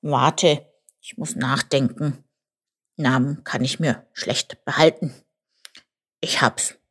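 A woman voicing a grumpy old male buffalo who mutters and grumbles slowly. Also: extremely low pitch, steady tone, a bit bright, husky, full character voice. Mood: grumbly.

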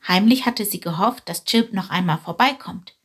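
A woman calmly narrating a children's storybook. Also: medium pitch, moderate pace, husky.

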